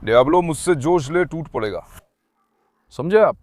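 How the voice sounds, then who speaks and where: A man filming his dogs, talking to viewers and calling and calming the dogs. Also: fairly high pitch, moderate pace, dry recording, clean studio sound. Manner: talks to viewers and calms his dogs in turns. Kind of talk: casual commentary to viewers.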